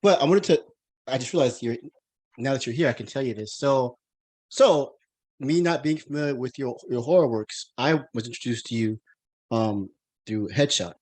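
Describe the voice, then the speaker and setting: Casual and rambling, this podcast host from the United States, a man in his thirties, keeps restarting sentences and dropping fillers during an interview. He has a mid-range, darkish voice at a normal speed.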